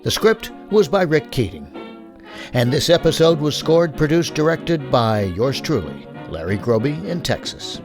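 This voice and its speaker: A man's voice: fairly high pitch, sing-song, unhurried, over music. A man from the United States giving a scripted sign-off to listeners as host. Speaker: host, director and producer. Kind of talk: scripted sign-off addressed to the audience.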